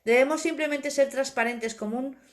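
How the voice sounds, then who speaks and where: Una mujer con acento de España habla en un pódcast con un tono un poco alto. Narra con energía y se mete en sus anécdotas. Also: female voice, high voice, normal speed. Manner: animated storyteller, acts out quoted voices. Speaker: podcast co-host, animal communicator. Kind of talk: casual podcast conversation.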